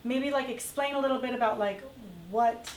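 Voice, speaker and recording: A woman's voice: a little high, moderate pace, far from the mic, a little hiss or hum. A woman co-hosting a podcast in casual chat, talking loosely with lots of fillers. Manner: chatty, full of "like" fillers. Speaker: podcast co-host. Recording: roomy sound from off-mic.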